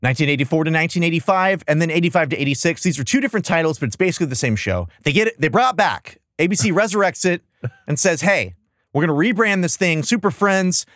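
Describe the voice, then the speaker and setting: A man's voice: on the high side, animated, very fast, a bit bright, no room sound, clean studio sound. An American man chatting casually as a podcast host, with a sarcastic, incredulous, joking manner. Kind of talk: casual comedic chat about old cartoons.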